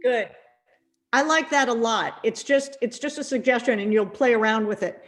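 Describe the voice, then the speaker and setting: A middle-aged woman leads a percussion masterclass with gentle encouragement, often repeating words as she thinks out loud. Her pitch is fairly high and her pace moderate.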